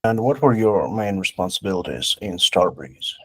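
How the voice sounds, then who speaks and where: A male interviewer asks his guest measured, plainspoken questions. His voice is a little husky and sits fairly low. The sound is dry and close, with no room echo. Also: lively intonation, fairly bright tone.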